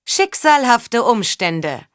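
A woman reading the part of a mocking, scheming middle-aged knight in an audiobook, speaking slowly and drawing out words. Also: medium pitch, sing-song, a bit bright, no echo, clean studio sound. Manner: mocking, drawn-out delivery.

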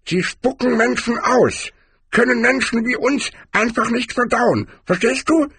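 A man voicing an old, gruff and boastful barbarian who lectures in an audiobook. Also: very high voice, measured pace, fairly bright tone, dry recording, voice pushed up, full character voice. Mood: lecturing.

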